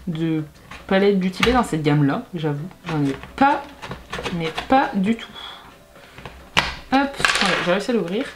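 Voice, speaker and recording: A woman's voice: mid-range voice, background noise. A woman talking casually to camera in a beauty unboxing vlog, chatty and rambling, often hesitating and correcting herself. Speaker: beauty YouTuber.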